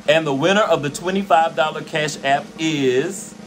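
A man's voice: fairly high pitch, measured pace. Chatty man hosting a giveaway over music. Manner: chatty, playful, sings and drawls names. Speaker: cooking channel host. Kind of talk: casual vlog giveaway. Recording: music playing behind the voice.

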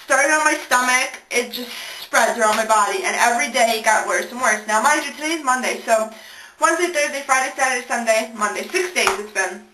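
A woman's voice: on the high side, brisk, pushed and bright. A young adult woman venting casually and dramatically to her phone in a bathroom, exasperated and sweary. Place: small indoor bathroom. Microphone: phone at arm's length. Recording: echoey, distant, noisy bathroom phone recording.

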